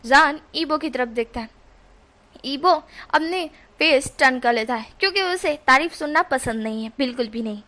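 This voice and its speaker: A woman telling a story in a casual, chatty way. Her voice is high and bright, and she fixes her slips on the fly. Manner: chatty, quick self-corrections.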